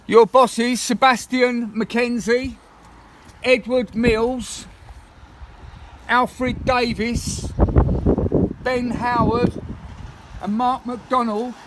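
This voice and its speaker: Brief: insistent man confronting intruders, very high voice, phone recording with steady noise behind. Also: extremely slow, long pauses. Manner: firm, insistent, repeats legal warnings. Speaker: property occupier confronting bailiffs.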